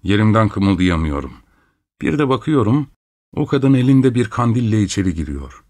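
Deep-voiced man reading a story. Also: sing-song, darkish tone. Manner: measured storytelling, voicing characters' lines. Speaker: narrator. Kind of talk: scripted first-person audiobook narration.

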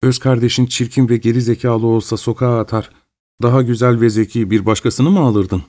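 A man's voice: medium pitch, fairly even intonation, fairly quick, a little mellow, natural voice. A man voicing an older, pious mother who speaks with tearful sorrow in a read-aloud story.

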